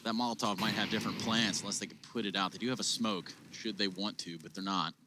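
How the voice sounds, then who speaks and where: A man's voice: on the low side, steady tone, quick pace. A man working as an esports co-caster, giving conversational analysis during live match commentary. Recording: loud game noise with gunfire behind.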